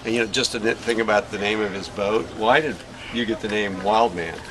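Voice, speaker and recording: A man's voice: lowish voice, steady tone, a little fast. A middle-aged man and sailing father chatting in a casual outdoor interview, telling stories with plenty of fillers. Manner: chatty storytelling with many fillers. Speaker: sailor and father of a young racer. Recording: noisy outdoor recording.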